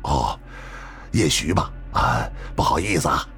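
A man doing a guarded young adventurer who keeps his tone respectful and restrained. His voice is low and husky, and faint music plays behind him. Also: animated, a little slow, fairly bright tone, exaggerated voice. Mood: evasive.

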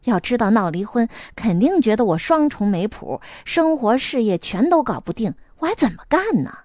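A woman playing a wry man in the middle of a divorce, rattling off his worries in a quick, dry aside. Her voice stays close and dry, with a lively rise and fall. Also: fairly high pitch, no room sound.

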